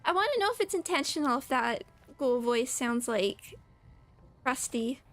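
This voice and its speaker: A woman's voice: high-pitched, expressive, normal speed, fairly bright tone, faint music behind. A woman giving casual let's play commentary, musing aloud in short fragments as she plays a video game. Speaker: gamer commenting on her own playthrough.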